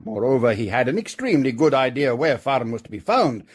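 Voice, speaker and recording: In a detective radio drama, a senior police chief lays out his reasoning in a formal, deliberate way, calm and confident as he explains. His husky voice swings widely in pitch.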